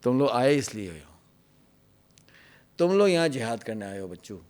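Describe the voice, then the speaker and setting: Brief: male interview guest, mid-pitched voice, lively storyteller who voices an angry interrogator loud and his own replies hushed. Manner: drops to a hushed, low voice when quoting himself.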